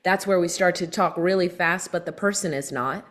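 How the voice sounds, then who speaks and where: A woman's voice: lowish voice, normal speed, fairly bright tone, a little hiss or hum. A woman, coaching a sales team on phone technique and demonstrating how to shift her pace. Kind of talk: training talk on a call.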